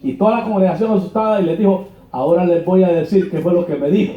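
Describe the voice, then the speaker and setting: A pastor from Honduras preaching a sermon in a church, colloquial and mocking, acting out quoted dialogue. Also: male voice, sits high, fairly even intonation, fast talker. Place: church hall. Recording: echoey church, dull lo-fi sound.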